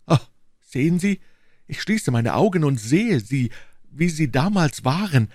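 A man's voice: on the high side, big pitch swings, a little slow, a little mellow, no echo, studio quality. A man reading an audiobook, voicing a passionate, lovesick duke with fervent, swelling declarations. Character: passionate lovesick English duke, ardent and insistent. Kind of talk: audiobook reading of a classic novel.

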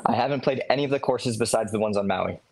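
A young man from Hawaii, a disc golf pro, answering interview questions in a relaxed, halting way. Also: lowish voice, gravelly, poor audio. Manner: relaxed, hesitant with many restarts. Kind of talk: casual podcast interview.

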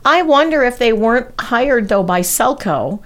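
A woman's voice: fairly high pitch, expressive, moderate pace. Middle-aged woman, podcast host, meandering and chuckly. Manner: rambling, hesitant, fillers and restarts, chuckling. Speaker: podcast host presenting local history. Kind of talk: casual chat.

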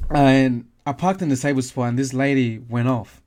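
A man's voice: mid-range voice, brisk. A young man telling stories in casual chat, swearing freely. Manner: animated storyteller, swears freely. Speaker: podcast guest.

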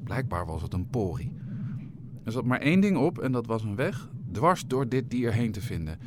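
A male narrator reading a storybook aloud in a playful, expressive way. His pitch rises and falls a lot, and faint noise sits under the recording. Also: moderate pace.

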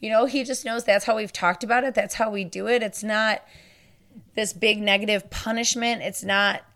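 A woman's voice: mid-range voice, steady tone, moderate pace, a bit bright. A woman in her thirties hosting a podcast, answering listener questions in a chatty, self-deprecating way with lots of asides. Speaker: podcast host. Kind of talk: casual podcast Q&A.

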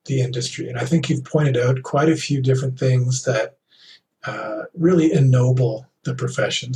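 Male interviewer, mid pitch, thoughtful and filler-heavy, distant from the mic. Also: a little mellow, slight background noise. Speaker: podcast host. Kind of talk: podcast interview.

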